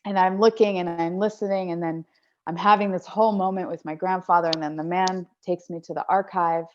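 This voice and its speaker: A woman guest on a podcast, telling a personal story in a lively, casual way with lots of fillers. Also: lowish voice. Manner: animated, fast storyteller with many "like" fillers. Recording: dull lo-fi podcast audio.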